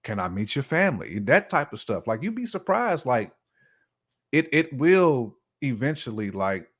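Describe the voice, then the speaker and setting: Speaking at medium pitch and a moderate pace, a very animated man shares his opinions as a podcast guest or co-host. The talk is casual and colloquial, and he often acts out imagined dialogue along the way.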